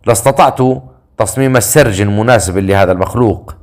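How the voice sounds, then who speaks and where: A man voicing an excitable male inventor who rambles eagerly about his ideas. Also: lowish voice, normal speed. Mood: excited.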